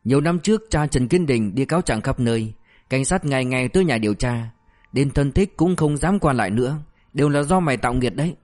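A man's voice: mid-range voice, expressive, fairly quick, close to an everyday voice. A man doing a raging, merciless cop. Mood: furious. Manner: shouting abuse, harsh and relentless. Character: ruthless male police officer berating a suspect.

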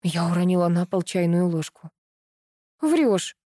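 A woman narrating a detective audiobook. Her voice is dark and mellow, and her reading is even and steady. The recording is dry, with no room sound. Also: medium pitch, brisk, no room sound. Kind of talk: scripted narration of a detective novel.

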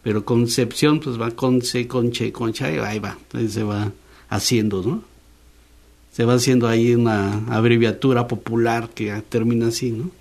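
A Mexican man hosts a relaxed university radio chat in a middle-pitched voice. He talks in a loose, easygoing way and keeps checking in with tag questions. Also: normal speed. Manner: chatty, frequent tag questions. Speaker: radio host. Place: radio studio.

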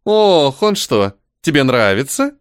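A man's voice: medium pitch, very animated, slow pace, clear, resonant tone, dry recording, clean studio sound. A man voicing a young blonde woman who complains and teases in a raised, girlish voice. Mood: teasing.

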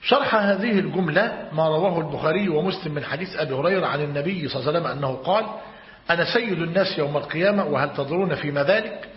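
Man, religious teacher, reading and explaining a text, slightly high voice, long hall reverb. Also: rapid-fire. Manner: reads a commentary aloud and explains it. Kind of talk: lecture on creed. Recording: echoey hall, muffled lo-fi.

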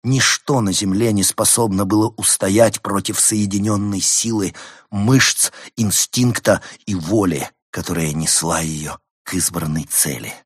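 A man reading an audiobook aloud in measured, dramatic scripted narration. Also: low voice, slightly rough, no echo, clean studio sound. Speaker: audiobook reader.

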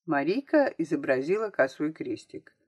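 Expressive woman narrating an audiobook. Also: deep voice, normal speed, slightly rough.

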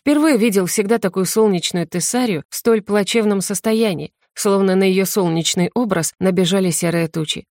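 A woman narrating a first-person audiobook in a steady, even way. Her voice sits at a middle pitch. It is recorded close and dry, with no room around it. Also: normal speed, hardly any pauses, dry recording.

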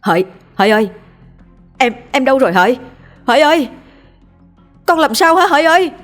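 A woman's voice: medium pitch, moderate pace, soft background music, natural voice. Anxious young husband calling out, read by a woman. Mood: calling anxiously. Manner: urgent calling. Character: young husband, anxious then stunned, man.

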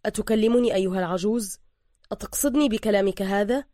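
A stern foreign man speaks formally and with force, as a woman puts him on. The delivery is brisk and dry. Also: medium pitch, warm tone, no echo, close to an everyday voice. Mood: puzzled. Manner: formal and commanding.

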